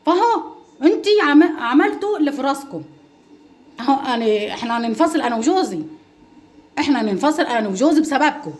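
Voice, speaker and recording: A woman's voice: sits high, big pitch swings, fast, pauses often. A middle-aged woman speaking as a mother and home-cooking vlogger, pleading and emphatic as she repeats herself in a livestream reply to critics.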